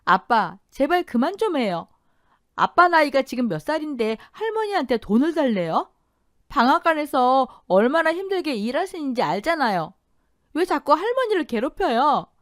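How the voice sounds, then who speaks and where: A woman's voice: sits high, very animated, normal speed, dry recording, clean studio sound, voice pushed up. A woman voicing an outspoken teenage granddaughter who pleads and stands up to her father in an audio drama. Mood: defiant. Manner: pleading, defiant.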